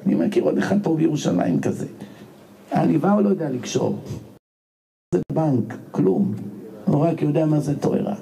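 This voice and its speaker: A male rabbi delivers a sermon through lively storytelling, slipping into the voices of his characters. His voice sits high with a mellow, warm tone. A faint noise hums beneath him. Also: creaky, long pauses. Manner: animated storyteller, acts out voices.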